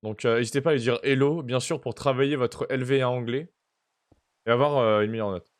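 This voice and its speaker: A man's voice: medium pitch, fairly quick. A man with a French accent chatting casually on a game stream, playfully mixing in English. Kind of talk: casual gaming stream chat.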